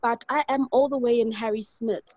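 Woman on a dull dry video call, slightly high voice, eager but a bit unsure. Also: fairly even intonation, fairly quick, a little mellow, no room sound. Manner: polite, eager, a bit hesitant. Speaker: workshop participant. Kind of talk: casual chat on a video call.

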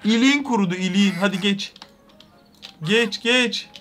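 A young man giving comedic, excitable game commentary with loud exclamations. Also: high-pitched, normal speed, soft background music. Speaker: gaming YouTuber.

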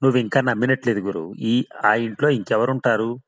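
A man's voice: medium pitch, fairly even intonation, brisk, close to an everyday voice. A man voicing the ghost of a hard-drinking male laborer who keeps swearing his tale is true, in a storybook reading. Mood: insistent.

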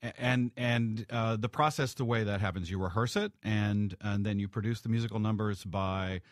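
A man's voice: lowish voice, fairly even intonation, normal speed, no echo, studio quality. A man hosting a radio interview, asking questions in a hesitant, stammering way. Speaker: radio host.

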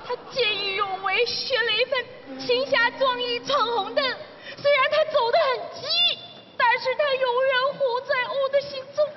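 A woman's voice: extremely high pitch, fairly even intonation, moderate pace, a crowd in the background, background noise. A woman playing a bold, scatterbrained wife who nags her husband, in a stage comedy sketch. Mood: pleading. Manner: brash, nagging, comically flustered. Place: theater stage with live audience. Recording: dull stage audio, loud audience.

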